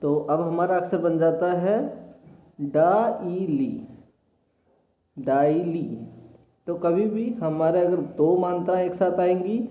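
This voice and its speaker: A man teaching reading to children in a patient classroom manner, often repeating himself and sounding out letters slowly. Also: sits high, steady tone. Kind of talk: classroom lesson. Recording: tinny phone-like audio. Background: children nearby.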